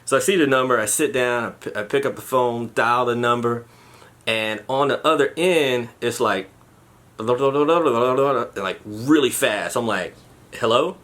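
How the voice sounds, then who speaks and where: A man's voice: mid-range voice, unhurried, a bit bright. A man, an Air Force veteran hosting his own show, telling stories in a casual, profane way and often restarting his sentences. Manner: profane, restarts and repeats words. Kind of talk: casual storytelling monologue.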